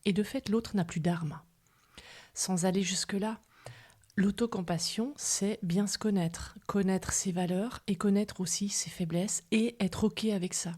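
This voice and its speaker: A woman hosting a podcast, giving calm, measured advice in a partly read talk, softly spoken in places. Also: medium pitch, slightly rough. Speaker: podcast host.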